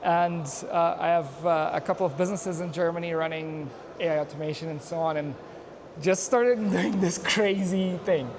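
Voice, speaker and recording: Fairly high-voiced guy from afghanistan doing a street vlog, lots of asides, traffic noise behind. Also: steady tone. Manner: chatty, self-narrating, quick asides and laughs. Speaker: YouTuber and software engineer. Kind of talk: casual on-the-street vlog chat. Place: outdoors at a busy conference venue. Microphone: handheld mic. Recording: noisy outdoor ambience.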